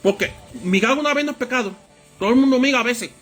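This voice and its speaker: A man preaching a Bible study sermon, with a lively storytelling manner that acts out voices in anecdotes. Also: extremely high pitch, quick pace, faint music behind.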